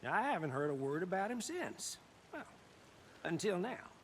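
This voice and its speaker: An actor playing a chatty, gossipy small-town local in a video game, talking in a folksy, sing-song way. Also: male voice, high voice, very animated, moderate pace, a little hiss or hum.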